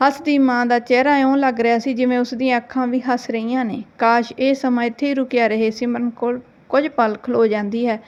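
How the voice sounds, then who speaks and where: A woman narrating a short family story in a gentle, steady reading voice. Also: on the high side, lo-fi sound.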